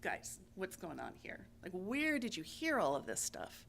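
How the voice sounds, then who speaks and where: A woman voicing a kindly male creator spirit in a spoken parable, asking questions gently and patiently. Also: fairly low pitch, huge pitch swings, measured pace, gravelly, slight background noise, full character voice. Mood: concerned.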